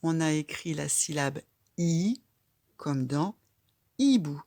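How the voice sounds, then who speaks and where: A woman's voice: low-pitched, slow, no echo, studio quality. A woman teaching handwriting, giving patient step-by-step instructions to a child. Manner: patient, calm, guiding a child stroke by stroke. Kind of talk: slow step-by-step handwriting lesson.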